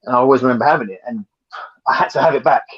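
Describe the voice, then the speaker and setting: Chatty man with a husky voice. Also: medium pitch, racing, dull audio. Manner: chatty, laughs easily. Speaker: guest. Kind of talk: casual live-stream chat.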